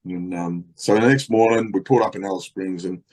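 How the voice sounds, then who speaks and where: A man's voice: sits low, fairly even intonation, fairly quick, a little mellow. A middle-aged Australian man telling stories as a podcast guest, rambling, swearing a lot, with many fillers. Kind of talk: casual storytelling.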